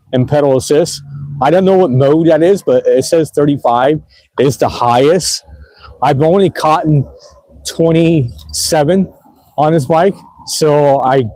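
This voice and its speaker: A man's voice: on the high side, warm tone, no echo, low-quality recording. A man, casually narrating a livestream while riding an e-bike through city streets at night, rambling with lots of fillers. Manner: rambling, laid-back, lots of fillers and laughs. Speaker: e-bike vlogger.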